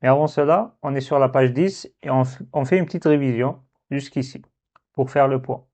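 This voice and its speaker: A man's voice: mid-range voice, normal speed, darkish tone. A man teaching a recorded reading lesson, patiently stretching and repeating syllables for learners. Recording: slightly dull lo-fi recording.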